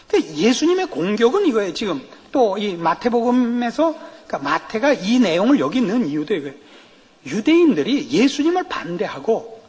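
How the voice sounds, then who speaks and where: A middle-aged male pastor preaching with a husky, slightly breathy voice that rides fairly high for a man and swings widely up and down. His delivery is animated and storytelling-driven. The sound carries a long hall reverb from a church sanctuary. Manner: lively, animated storytelling with acted quotes. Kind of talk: sermon with humorous anecdotes.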